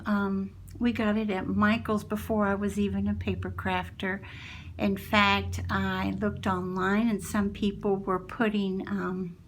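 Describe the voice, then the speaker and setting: A woman speaks at a slow, unhurried pace in the manner of a casual craft vlogger. She is chatty and affectionate, talking straight to her viewers as she shows off her work. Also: medium pitch, a little hiss or hum. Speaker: craft vlogger presenting a project share. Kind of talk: casual craft show-and-tell.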